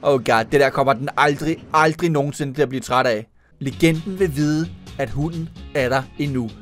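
A man's voice: fairly high pitch, faint music behind. A man giving playful, jokey commentary as a YouTuber reacting to animal videos, full of exclamations and asides.

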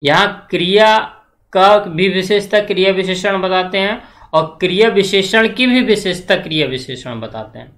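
Speaking at a moderate pace, the man has a high-pitched, slightly bright voice as he teaches Hindi grammar for an exam. He quizzes the class, answers his own questions, repeats himself and checks in regularly.

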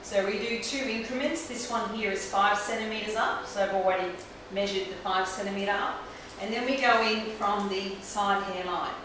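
A woman's voice: mid-range voice, normal speed, few pauses. Woman teaching in an echoey clinic room. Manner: explains step by step while working on a client. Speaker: trichologist demonstrating a technique. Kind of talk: hands-on instructional demonstration. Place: small bright clinic room. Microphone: camera mic from across the room. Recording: roomy echo from a distant camera mic, clear background hiss.

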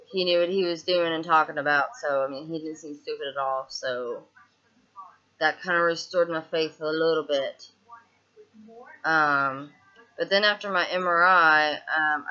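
Seated on a couch in a small room, a woman in her twenties with a Southern US twang vents into her laptop webcam in a loose, rambling video diary. Her voice sits low yet sounds bright and forward, often tripping over restarts and fillers. The built-in mic gives dull, lo-fi audio.

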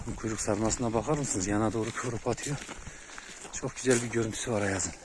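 A man's voice: fairly low pitch, a little fast. A man casually narrating a vlog outdoors on a mountain walk, talking to his viewers about his dogs. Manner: relaxed, chatty, addresses viewers directly. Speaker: dog owner showing his dogs. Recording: outdoor recording with clear background noise.

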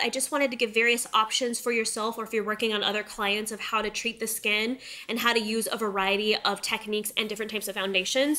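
A woman's voice: fairly high pitch, pushed and bright. A woman in her thirties with a nasal, stuffy nose from a cold, chatting directly to viewers through a casual beauty tutorial. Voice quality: nasal, slightly stuffy-nosed. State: getting over a cold. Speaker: makeup tutorial host. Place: indoor room studio set, seated close to camera.

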